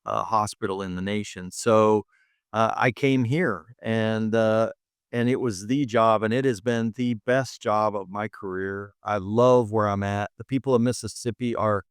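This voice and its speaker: A middle-aged man from Montana, United States, speaking with an American accent, earnestly tells his own story as an interview guest; he is a hospital chief medical officer reflecting on his life. His voice is on the low side, steady, unhurried, clear and resonant. The audio is dry and studio-clean.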